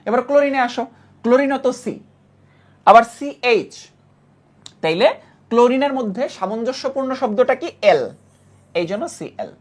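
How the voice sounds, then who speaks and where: A woman teaching a chemistry lesson who repeats key terms and keeps checking that students follow. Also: fairly high pitch. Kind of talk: classroom lecture.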